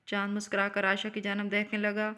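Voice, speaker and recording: A woman telling an emotional story as scripted narration, in a steady storytelling manner. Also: mid-range voice.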